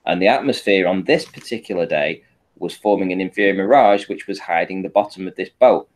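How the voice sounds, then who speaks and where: Low-voiced and talking a little fast, a male panel guest presents his photo analysis in a casual way. He moves listeners through the shared images step by step, pausing to check they follow.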